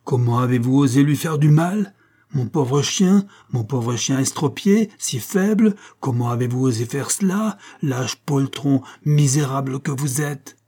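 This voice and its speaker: A man reading aloud, voicing an indignant young noblewoman who rails in loud, raised outbursts. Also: mid-range voice, steady tone, moderate pace, hardly any pauses, lightly acted. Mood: furious. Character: furious young noblewoman defending her dog.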